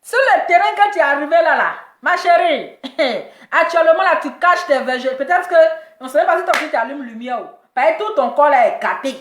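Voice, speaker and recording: A woman's voice: high voice, lively intonation, a little fast, fairly bright tone, roomy sound. A woman giving mocking gossip commentary, teasing and laughing as she repeats her jabs. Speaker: commentator reacting to celebrity gossip.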